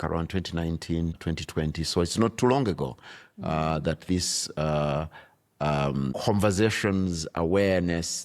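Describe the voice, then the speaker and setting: A man from Uganda, a bishop speaking as a podcast guest in a reflective, deliberate way, often pausing to search for words. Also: sits low, darkish tone. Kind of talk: reflective conversation.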